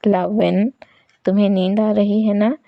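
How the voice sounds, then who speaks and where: A woman voicing a gentle, caring older man who soothingly coaxes someone to sleep, in a read-aloud story. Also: mid-range voice, level tone, unhurried, vocal fry, dry recording, phone-quality sound. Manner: soft, soothing coaxing.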